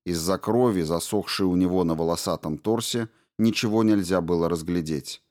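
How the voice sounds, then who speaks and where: A man narrating a science fiction audiobook in an even, measured reading. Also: low voice. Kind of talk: scripted narration.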